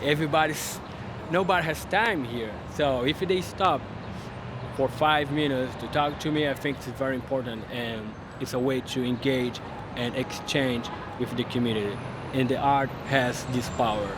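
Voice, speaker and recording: A man's voice: medium pitch, normal speed, noisy background. A man who paints murals, speaking earnestly in a documentary interview with slightly non-native phrasing.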